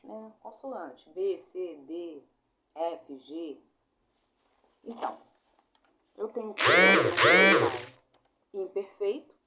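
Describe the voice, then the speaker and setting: A young Brazilian woman giving a casual online grammar lesson, chatty and informal, apologizing often and spelling sounds out slowly. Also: mid-range voice, pushed and bright. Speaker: Portuguese teacher.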